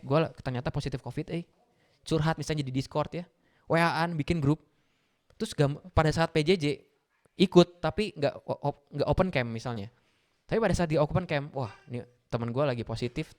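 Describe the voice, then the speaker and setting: A man, giving a lively motivational talk to students, often asking them questions and mixing in English phrases. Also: fairly high pitch. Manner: animated, mixes English phrases, asks the audience questions. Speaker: guest speaker for school students.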